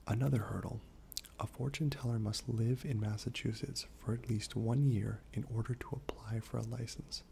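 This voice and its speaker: A man speaking in a soft, breathy half-whisper, gently reading trivia aloud in an ASMR style while chewing gum. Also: medium pitch, fairly even intonation, moderate pace, slight background noise. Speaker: ASMR host.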